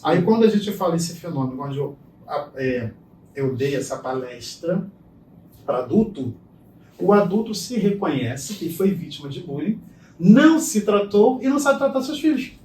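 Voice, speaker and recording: A man's voice: a little high, normal speed. A middle-aged man, a guest speaker, telling stories in conversation and acting out the dialogue. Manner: animated storyteller, acts out dialogue. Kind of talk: storytelling conversation. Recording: echoey room, distant mic, faint noise.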